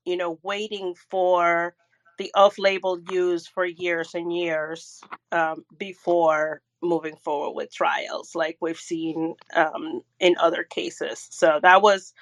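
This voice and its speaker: A woman giving a measured, hesitant account of a meeting in a casual online audio-room discussion. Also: on the low side, fairly bright tone. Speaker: patient advocate and organizer.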